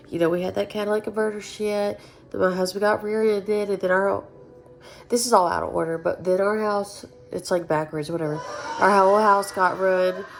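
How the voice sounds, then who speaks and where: A homesteading vlogger with a Southern US accent chats casually to the camera in her home kitchen, blunt and dry-humored with some swearing. Her mid-range voice is gravelly and sounds congested and nasal from sinus trouble.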